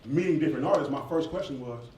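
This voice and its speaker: He talks fast in a fairly high, slightly mellow voice, candid, informal and slangy, as a hip hop artist and former college athlete from near Atlanta taking audience questions casually. The setting is a large echoey indoor room at a live event, recorded with a distant mic and faint noise.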